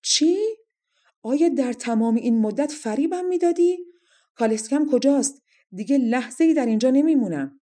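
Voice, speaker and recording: A woman voicing a young king who shouts his refusals in loud, outraged protest. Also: sits high, expressive, voice pushed up.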